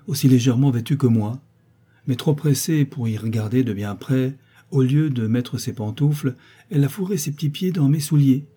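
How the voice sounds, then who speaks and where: A man narrating a classic novel as an audiobook with a measured, expressive reading. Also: medium pitch, husky.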